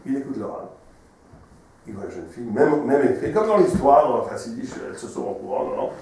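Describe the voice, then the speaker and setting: A man, a rabbi, telling stories in a sermon, an expressive storyteller who repeats his words. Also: mid-range voice, brisk. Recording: very echoey room, mic far off.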